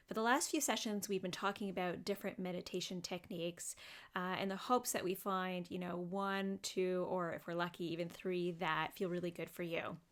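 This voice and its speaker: Gentle and unhurried, a woman therapist guides listeners through a body scan meditation, her fairly low voice dotted with frequent fillers.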